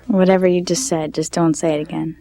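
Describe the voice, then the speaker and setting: A woman voicing a bored, curt receptionist in a cartoon, flat and deadpan. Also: mid-range voice, rapid-fire, close to an everyday voice. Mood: dry, curt.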